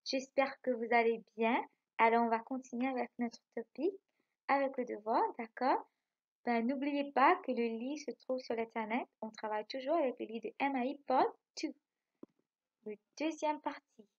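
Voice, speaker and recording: Woman teacher with a high, slightly husky voice. Quizzes and self-answers, spells words slowly, lo-fi sound. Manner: asks questions and answers them herself, spells words letter by letter. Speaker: primary school teacher. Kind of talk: recorded remote class lesson. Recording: dull lo-fi recording.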